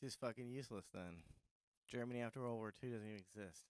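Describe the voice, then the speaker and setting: A man hosting a podcast in a basement studio, trading sardonic, deadpan jokes in casual banter. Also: medium pitch, fast, clear, resonant tone, no echo. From Minnesota, USA. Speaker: podcast host.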